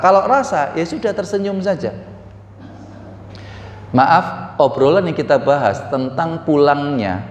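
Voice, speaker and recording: A man's voice: a little high, a little hiss or hum. A man preaching a sermon, joking and asking the audience questions, through a microphone in a large hall. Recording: echoey hall with reverb.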